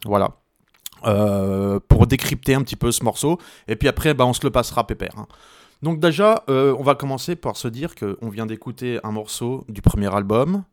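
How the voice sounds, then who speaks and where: A man's voice: medium pitch, normal speed, darkish tone, no room sound, studio quality. A man hosting a radio music show, talking casually and jokingly about a band's songs, with plenty of hesitations and asides. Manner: chatty and joking, with many hesitations. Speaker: radio host.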